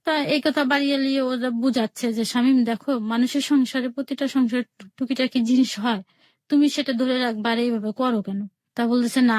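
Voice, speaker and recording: This fairly high, darkish-toned voice belongs to a Bangladeshi woman calling into a radio show to tell her life story. She speaks plainly, repeats herself often, and replays every conversation in quoted dialogue, with no room sound audible.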